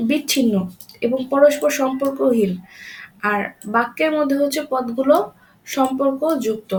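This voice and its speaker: A woman with a high voice teaches a grammar lesson in a patient, repetitive way, working through each example word by word. A faint hiss sits under her voice. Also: poor audio. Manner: repeats examples, checks with "okay?".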